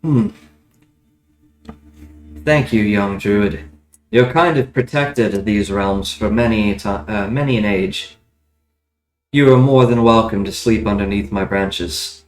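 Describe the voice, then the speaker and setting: An ancient talking tree from a fantasy tabletop game, played by a man, speaks kindly and formally. Its phrasing is slow, stately and archaic, in a roomy, echoing recording. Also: on the low side. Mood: welcoming, solemn.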